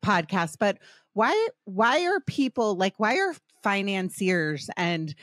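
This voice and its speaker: A woman's voice: mid-range voice, sing-song, takes it slowly, fairly bright tone, no room sound, studio quality. A middle-aged woman hosting a podcast in casual chat, rambling and passionate, often restarting her sentences. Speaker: podcast host.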